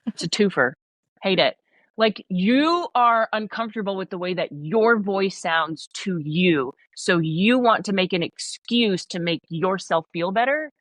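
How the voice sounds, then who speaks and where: A woman's voice: mid-range voice, unhurried, dry recording. A woman from the American South, a leadership coach who talks in an emphatic, blunt way and acts out little scenes as a podcast guest. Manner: emphatic, blunt, animated storytelling. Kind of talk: podcast interview.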